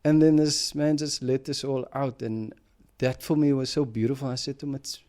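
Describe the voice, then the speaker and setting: A man's voice: mid-range voice, fairly even intonation, moderate pace, warm tone. A man hosting a podcast, telling a personal story in a reflective, casual way, with many fillers and restarts. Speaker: podcast host.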